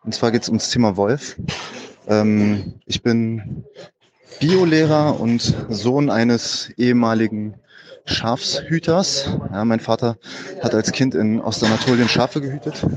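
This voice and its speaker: Man on a low quality recording in a noisy gym. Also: slow pace. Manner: loose and rambling, with many fillers. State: a bit frazzled. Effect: low quality sound recording. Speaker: biology teacher. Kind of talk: casual spoken comment, explaining science. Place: at a gym, doing sport. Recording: poor quality recording with loud crowd noise behind.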